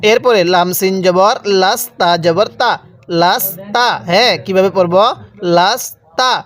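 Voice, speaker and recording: A man with a Bangladeshi Bengali accent, his voice pitched well above most men's, teaching Quran reading in a spoken tutorial. He sounds out each letter and syllable slowly, drawing them out one by one. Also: a bit bright. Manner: slow, drawn-out letter-by-letter recitation.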